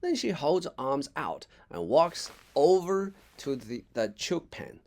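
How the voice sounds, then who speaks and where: A man reading a children's story aloud as an English teacher, expressive with small slips and asides. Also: fairly high pitch, slow.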